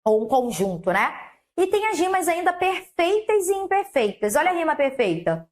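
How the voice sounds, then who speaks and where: Woman, high-pitched, explains a lesson step by step with questions to the viewer, collar mic. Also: very animated, moderate pace. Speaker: teacher. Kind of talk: online lesson on verse. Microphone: clip-on mic on her collar.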